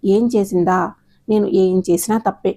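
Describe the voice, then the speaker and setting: A woman's voice: medium pitch, fairly even intonation, moderate pace, mellow, close to an everyday voice. A woman voicing a hurt, defiant young wife and mother who complains indignantly in an audio story. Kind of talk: storybook narration, acted dialogue.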